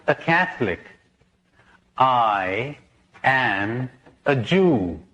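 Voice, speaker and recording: A man's voice: medium pitch, fairly bright tone, dull audio. A man, a priest, giving a spiritual conference talk, posing questions and repeating key words for emphasis, with jokes woven in.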